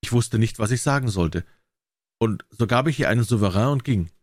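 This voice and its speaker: A man narrating a classic story as an audiobook reader, with expressive, varied intonation. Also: medium pitch, a little fast, dry recording, studio quality.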